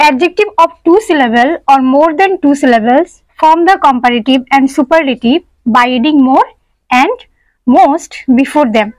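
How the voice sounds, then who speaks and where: A woman teaches English grammar. She goes step by step and mixes English terms into her talk. Her voice is high and sits dry and close to the mic. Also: dry recording, low-quality recording. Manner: explains step by step, asks students questions. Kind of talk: online grammar lesson.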